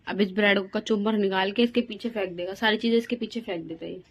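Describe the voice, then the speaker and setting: A woman's voice: mid-range voice, fairly even intonation, quick pace. A young woman vlogging at home about her day, chatty and talking to her toddler in a sing-song voice. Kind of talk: casual home vlog. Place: home rooms, indoors.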